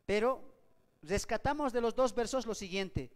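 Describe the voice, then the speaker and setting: High, clear-voiced teacher. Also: male voice, lively intonation, moderate pace. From Bolivia. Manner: emphatic, asks rhetorical questions and repeats points. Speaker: Bible study teacher. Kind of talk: Bible study teaching. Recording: long reverb in a hall.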